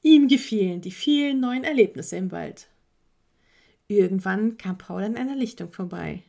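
A woman narrating a children's story in an expressive, dramatic storytelling manner. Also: medium pitch, normal speed, gravelly.

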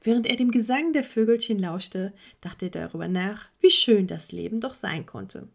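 A woman narrating a children's story in an expressive, dramatic storytelling manner. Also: mid-range voice, normal speed, vocal fry.

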